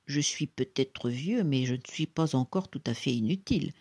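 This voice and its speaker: A reader doing a calm, stern old male beggar. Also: mid-range voice, moderate pace, slightly rough. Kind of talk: storybook character voice.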